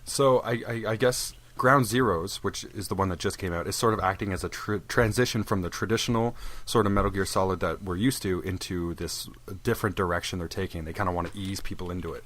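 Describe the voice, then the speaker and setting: A man's voice: deep voice, fairly quick, a bit bright. Jokey, rambling young male podcast host. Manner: rambling and jokey, with frequent restarts and fillers. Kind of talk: casual chat about video games.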